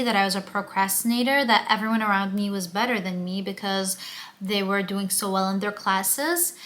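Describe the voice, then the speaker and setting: In a casual confessional vlog, a young woman speaks candidly to the camera, open and emotional. Her mid-range voice is bright and forceful, and she leans constantly on fillers like "um" and "like."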